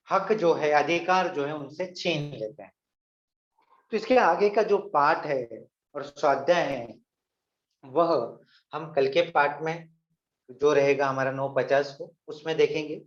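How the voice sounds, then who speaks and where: Male teacher explaining a play, paraphrasing each line, in a lo-fi room recording. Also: fairly high pitch. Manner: reads lines aloud, then paraphrases and repeats them. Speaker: Hindi teacher. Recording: echoey, dull lo-fi recording.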